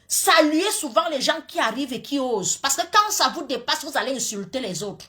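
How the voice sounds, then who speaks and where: A woman's voice: high-pitched, animated, a little fast, sharp tone. A woman, a social media comedian scolding her critics in a heated rant to viewers. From Cameroon.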